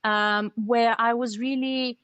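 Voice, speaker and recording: On a video call from a plain room at home, a Bulgarian woman in her thirties, a native speaker and startup co-founder, explains things articulately as an interview guest. Her voice is fairly high, clear, resonant and a bit bright, steady and slow, with no echo but with the highs cut off.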